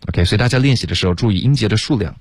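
A man co-hosting a radio English lesson, explaining pronunciation and slowly repeating English words. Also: on the low side, a little mellow, dry recording. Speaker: English teacher co-host.

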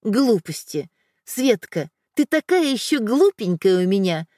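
Brief: woman reading as firm middle-aged mother, scolding yet tender, lively voice, dry sound. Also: medium pitch, a little slow, no room sound.

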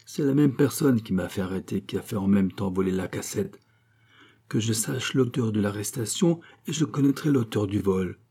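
A resolute middle-aged doctor, measured and commanding, read by a man in a dark, husky voice. He speaks with a fairly low, steady authority in an audiobook. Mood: urgent.

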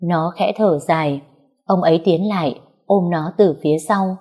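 A woman narrating a novel in a soft, even storytelling manner, reading the characters' dialogue quietly. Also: fairly low pitch, normal speed, slightly rough. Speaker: audiobook narrator.

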